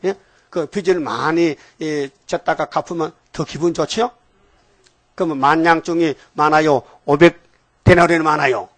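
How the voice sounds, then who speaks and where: A male pastor preaches with a fairly high, bright-pitched voice, pressing his congregation with pointed rhetorical questions. He scolds and cajoles, then has the room repeat lines after him. The sound is dry and close, with little room echo.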